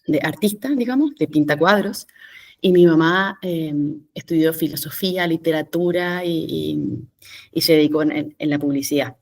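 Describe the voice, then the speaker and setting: A woman in her thirties with a Chilean Spanish accent, a guest on a podcast. Her voice sits somewhat low for a woman, and she speaks reflectively, pausing on fillers and restarting phrases. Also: a little mellow. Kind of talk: conversational interview.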